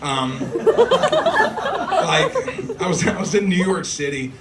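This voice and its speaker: A man's voice: high-pitched, huge pitch swings, slow pace, very noisy. A young man doing a self-deprecating stand-up set on a small club stage, acting out voices. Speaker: stand-up comedian. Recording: distant mic, loud crowd laughter.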